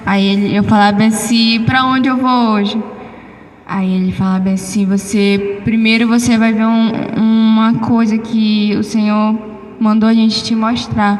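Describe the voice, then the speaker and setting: A Brazilian woman with a fairly high voice tells her testimony in church, acting out each exchange as she goes. Her voice rings through a hall with a long reverb tail, with faint ambience behind it. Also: unhurried. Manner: animated storytelling, reenacting dialogue. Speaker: church member giving testimony. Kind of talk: spoken testimony.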